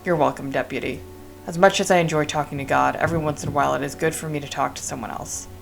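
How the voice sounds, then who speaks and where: A woman's voice: deep voice, fairly even intonation, vocal fry, faint music behind. Woman reading as a chatty village priest. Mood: calm. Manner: reading game dialogue aloud, measured. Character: soft-spoken male village priest, talkative.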